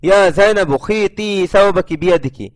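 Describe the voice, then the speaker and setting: Male Arabic teacher with a slightly high voice, reads sentences and then explains them patiently. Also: normal speed. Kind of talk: recorded grammar lesson.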